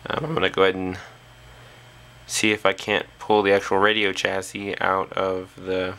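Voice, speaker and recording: Working at a bench in a small indoor workshop, a hobbyist presenter speaks casually and off the cuff, thinking aloud with some hesitation. His deep, sharp voice stays level at a normal speed. The sound is rough, captured on a camera's built-in mic.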